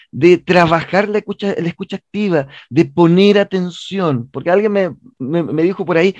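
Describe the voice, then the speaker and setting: The interview guest, a Chilean playwright and theatre director, has a high-sitting, slightly mellow voice. He talks conversationally, frequently pausing and repeating himself as he looks for phrasing, on a dry, dull, band-limited recording.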